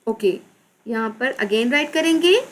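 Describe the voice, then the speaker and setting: A woman teacher with a Pakistani accent and a slightly high, animated voice explains a children's English lesson. She reads English words slowly, repeats them and spells them out.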